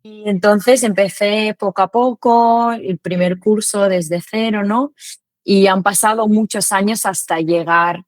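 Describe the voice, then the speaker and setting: A woman speaking Spanish as a second language, answering interview questions in a relaxed, thoughtful way with many small fillers. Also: mid-range voice, a little slow, no room sound. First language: not Spanish. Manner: thoughtful, lots of fillers and self-corrections. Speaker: podcast guest. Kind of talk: casual interview chat.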